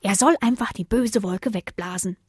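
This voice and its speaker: A woman voicing a kind, thoughtful uncle moon in a children's story, speaking calmly. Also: medium pitch, husky, no echo, studio quality, close to an everyday voice. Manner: calm, thoughtful, unhurried.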